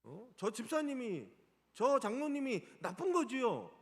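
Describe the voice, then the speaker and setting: Male pastor, Sunday sermon, animated, high voice, church sanctuary, long reverb. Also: measured pace. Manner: animated, asks the congregation questions.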